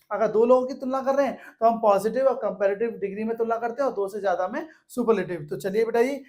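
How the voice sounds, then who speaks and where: A man's voice: sits high, darkish tone. A man teaching a grammar lesson to students in a patient, step-by-step way. He often asks a question and then answers it himself, and speaks. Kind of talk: classroom lesson.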